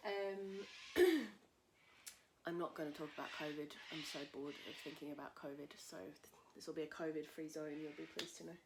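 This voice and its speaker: Husky woman, low-voiced and chatty. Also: fairly even intonation, fast, few pauses, background noise. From England. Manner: chatty and rambling, with many fillers. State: husky from a cold. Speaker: podcast host. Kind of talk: casual knitting podcast chat. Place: at home in a tiny house. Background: cockatoos calling outside.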